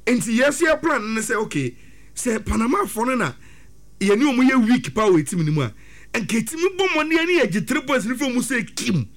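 A man with a Ghanaian accent giving animated football analysis, mixing languages and breaking into quick excited bursts. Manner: excitable, rapid, rising to high-pitched bursts. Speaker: football pundit. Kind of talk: animated sports talk mixing Twi and English.

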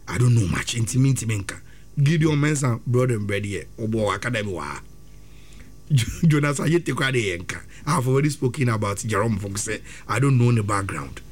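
A man with a Ghanaian accent giving animated football analysis, mixing languages and breaking into quick excited bursts. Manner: excitable, rapid, rising to high-pitched bursts. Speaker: football pundit. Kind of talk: animated sports talk mixing Twi and English.

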